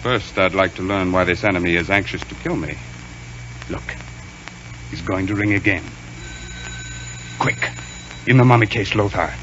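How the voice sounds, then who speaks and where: An actor playing a suave, calmly commanding stage magician with theatrical, deliberate, formal diction, in old-time radio style. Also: male voice, deep voice, muffled recording, lightly acted. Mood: calm, assured. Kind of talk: 1940s radio acting. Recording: noisy old radio recording.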